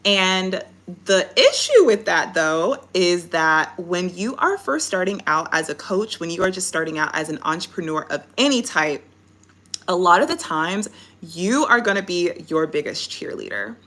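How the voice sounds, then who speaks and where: A woman's voice: on the low side, expressive, moderate pace, a bit bright. A woman speaking as a life coach in a live online talk, instructive and encouraging, checking in with her listeners as she explains.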